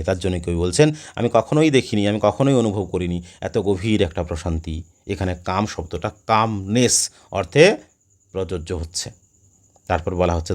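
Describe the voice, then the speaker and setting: A man's voice: on the low side, darkish tone. A man teaching a poem with a Bengali accent, asking questions and then answering them himself, often restarting words. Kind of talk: poetry lesson explanation.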